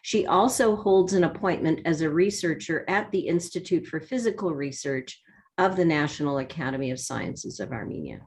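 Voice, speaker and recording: A woman hosting an online seminar, giving a measured, formal introduction with an occasional filler. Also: sits low, animated, a little mellow. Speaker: seminar host. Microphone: video call.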